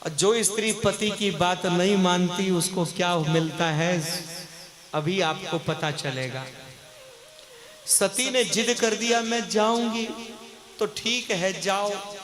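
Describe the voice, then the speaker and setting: A man's voice: high-pitched, steady tone, slow pace. A man with a Bihari Hindi accent preaching a devotional story to a live crowd, acting out what the figures say and breaking off to speak to the audience. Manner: dramatic, acts out quoted lines, talks to the crowd. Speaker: kathavachak. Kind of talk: devotional storytelling sermon with sung verses.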